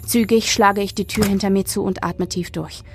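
A woman narrating a first-person horror story in a measured, suspenseful reading. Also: mid-range voice, fairly even intonation, soft background music.

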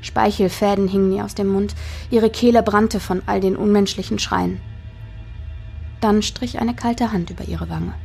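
A woman's voice: medium pitch, gravelly, a little mellow, husky. A woman narrating a dramatic audiobook in a tense storytelling manner.

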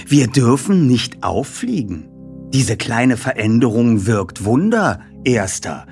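A man's voice: medium pitch, sing-song, slow pace, vocal fry, a little mellow, soft background music, exaggerated voice. A man voicing a dry-humoured teenage boy detective who teases his friends with wry remarks. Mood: teasing.

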